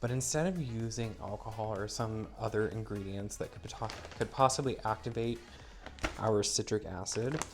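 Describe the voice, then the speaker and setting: With music playing behind him, a man on the low side talks at a normal speed. Stuffy and a bit wheezy from a cold he's recovering from, he happily demonstrates his own product step by step, explaining each move in a casual, upbeat way.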